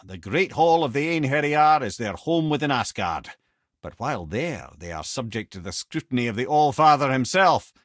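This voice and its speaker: A learned old Scottish advisor from a fantasy video game, a witty severed head, tells stories in character dialogue with wry, colloquial eloquence. His husky, fairly high, slightly bright voice swings expressively up and down. The sound is dry, with no room ambience at all.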